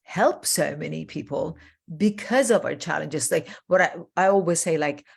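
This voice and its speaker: An older woman from Iran with a low voice and a gravelly edge to it. She hosts a coaching interview in a warm, effusive way, rambling through plenty of fillers. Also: normal speed. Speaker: host, transformational coach. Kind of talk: casual interview chat.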